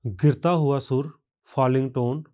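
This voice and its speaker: A man teaching a recorded language lesson, speaking carefully and pronouncing each example word deliberately. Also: mid-range voice, steady tone, dark tone. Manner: slow, careful, measured delivery.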